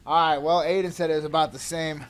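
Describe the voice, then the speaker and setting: A man in his thirties, a company chief on a podcast, joking in a deadpan way with drawn-out pauses. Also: a little high. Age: 30s. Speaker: podcast guest, company CEO. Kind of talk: casual podcast chat.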